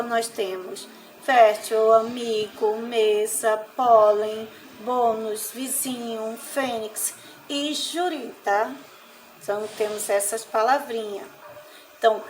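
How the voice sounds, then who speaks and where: A Brazilian woman teaching a primary school class, dictating words one by one and explaining slowly and deliberately. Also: a little high, a little hiss or hum, rough recording. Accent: Brazilian Portuguese. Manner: slow, deliberate word-by-word dictation. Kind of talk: recorded class lesson.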